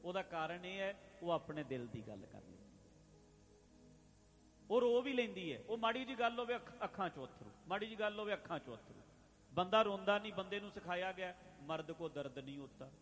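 A man preaching a religious sermon, addressing listeners directly, repeating phrases and chanting scripture lines slowly. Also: high-pitched, animated, fairly bright tone. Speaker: Sikh preacher.

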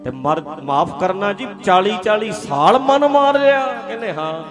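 Sikh preacher guy, kinda high voice, talking straight to the crowd, music going behind him. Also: animated, measured pace. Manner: earnest, asks listeners rhetorical questions and addresses them directly. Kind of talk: conversational religious sermon.

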